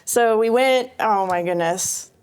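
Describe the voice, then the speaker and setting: A woman moderating a panel and telling a lively story, acting out the quoted lines in a raised voice. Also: a little high, takes it slowly, smooth. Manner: animated, acts out quotes in a raised voice. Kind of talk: casual storytelling.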